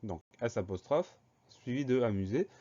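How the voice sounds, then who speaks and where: A man teaching a children's spelling lesson, slow and patient, spelling each word letter by letter. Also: mid-range voice, animated, mellow. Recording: dull lo-fi recording.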